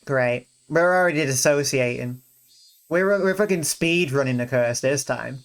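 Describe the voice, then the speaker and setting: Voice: medium pitch, a little slow. Sarcastic, swearing game streamer. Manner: sarcastic and profane, rambling asides. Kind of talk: blind visual novel playthrough with commentary.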